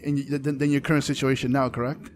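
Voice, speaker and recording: A man's voice: medium pitch, flat delivery, fast, a little hiss or hum. A man from the Dominican Republic hosting a podcast interview, speaking with enthusiastic, hype-style energy. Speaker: podcast host. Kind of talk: casual interview.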